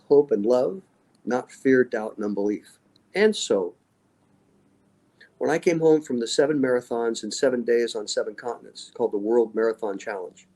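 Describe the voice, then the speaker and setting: A man's voice: medium pitch, a little mellow, low-quality recording. A man in his sixties, an extreme athlete and interview guest, telling motivational stories in short, punchy, emphatic statements. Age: 60s. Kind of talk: motivational storytelling.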